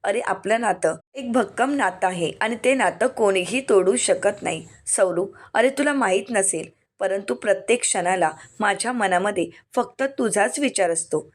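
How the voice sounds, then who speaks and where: A scheming young woman with a honeyed, coaxing voice, read by a woman narrator. She pleads and wheedles, in a medium pitch, like a dramatized storybook recap. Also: normal speed, hardly any pauses, lightly acted. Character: scheming young woman, sweet-talking liar.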